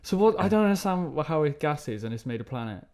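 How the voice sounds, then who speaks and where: A young man with a fairly high voice, joking through a casual podcast chat. He throws in quick remarks and swears casually. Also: very animated, darkish tone. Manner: jokey, quick interjections, swears. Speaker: podcast co-host.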